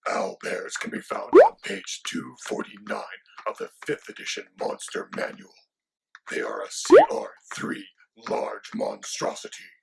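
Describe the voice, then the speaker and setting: A menacing, haughty male dragon speaks in a gravelly, rasping half-whisper. His low voice swoops wildly up and down as he lays out facts like a sinister lecturer. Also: huge pitch swings, a little slow, crowd noise, exaggerated voice, poor audio. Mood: instructive. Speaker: co-host.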